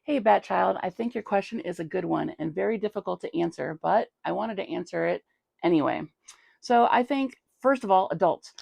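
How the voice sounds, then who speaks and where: A woman's voice: fairly low pitch, animated, normal speed, vocal fry, a little mellow, no echo. A woman hosting a tabletop gaming channel, chatting casually and conversationally as she answers a viewer's question. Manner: chatty, conversational, thinking aloud. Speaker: tabletop game master and channel host.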